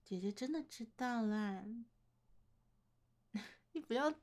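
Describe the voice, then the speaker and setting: Taking a slow pace with a slightly high voice and lively intonation, a woman acts as a teasing older-sister type in a one-sided romantic role-play. She coaxes the younger man confessing to her, mixing playful jabs with gentle laughter.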